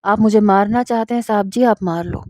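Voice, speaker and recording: A humble, loyal young male driver who addresses his employer respectfully while refusing him, voiced by a woman narrator. The tone is mellow and gentle. The sound is dry and close, like a storybook reading. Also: medium pitch, no room sound, close to an everyday voice. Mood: pleading. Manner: respectful and pleading.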